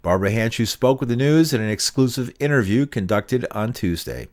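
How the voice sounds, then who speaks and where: A man's voice: medium pitch, brisk. A man reading a news introduction, then asking an interview guest questions with short affirmations. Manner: steady reporter's read, brief affirmations. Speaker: interviewer and narrator.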